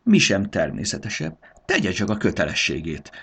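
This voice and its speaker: A man's voice: low-pitched, wildly swooping pitch, creaky, fairly bright tone, breathy edge, heavily acted. Storybook figure: pompous aristocratic bracelet, languid drawl, man performs. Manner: languid, self-satisfied drawl.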